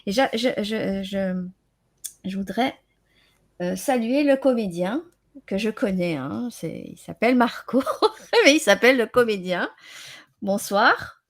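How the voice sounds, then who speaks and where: A woman hosting a casual open-line radio show, speaking haltingly and repeating words as she searches for them. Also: mid-range voice, animated. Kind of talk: casual live chat.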